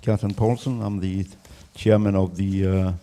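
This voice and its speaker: A man's voice: low voice, little pitch movement, normal speed, dark tone. A man from Denmark, a farmer giving a conference presentation in a hesitant way, with many fillers and restarts. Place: conference room.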